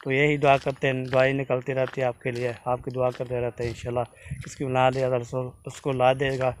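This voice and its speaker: A man from Pakistan vlogging as he walks outdoors, talking slowly and carefully, with many repeated fillers and pious phrases. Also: mid-range voice, monotone, a little hiss or hum. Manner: speaks slowly and deliberately, says his tongue slips. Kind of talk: casual walking vlog. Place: outdoors, walking along a village road.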